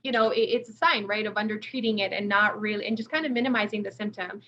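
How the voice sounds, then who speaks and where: A woman's voice: medium pitch, fairly even intonation, quick pace, pushed and bright. Woman clinician presenting a webinar, loose conversational delivery full of fillers, lo-fi audio. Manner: conversational, many fillers and restarts. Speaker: occupational therapist presenting a webinar. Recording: dull lo-fi audio, faint noise.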